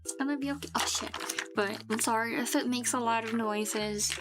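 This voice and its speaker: Sick with a fever and a dry throat, a female vtuber rambles in casual live stream chat at a moderate pace, her voice a little high and steady in tone. She restarts repeatedly and laughs frequently, and background music plays beneath her.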